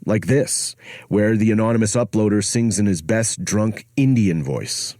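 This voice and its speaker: A man hosting and narrating a documentary podcast in a grave, measured tone, recorded on a studio mic. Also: on the low side, warm tone, dry recording.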